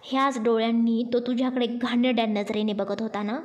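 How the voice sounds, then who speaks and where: Woman doing a furious possessive boss guy, stern and bossy, kinda high voice. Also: little pitch movement, a little fast, darkish tone, natural voice. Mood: angry. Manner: stern, commanding.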